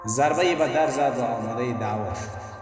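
A man narrating an audiobook with a steady storytelling delivery. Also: mid-range voice. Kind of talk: scripted narration. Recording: echoey long reverb with background music.

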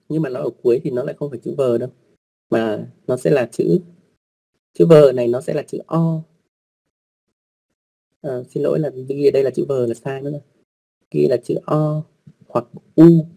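A man with a dark, gravelly voice and a husky edge talks an online class through writing rules. He goes slowly and patiently, repeating words, adding fillers and polite asides to his learners. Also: a little high. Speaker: online language teacher.

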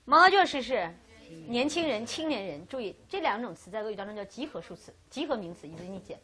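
A woman teaching a Russian grammar class, lecturing lively and asking questions she answers herself. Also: fairly high pitch, quick pace, soft background music.

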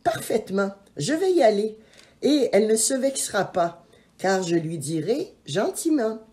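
A woman's voice: mid-range voice, very animated, a little slow, warm tone, pitched above the performer's own voice. A woman voicing a stubborn little girl who speaks in an insistent, defiant way in a storybook reading.

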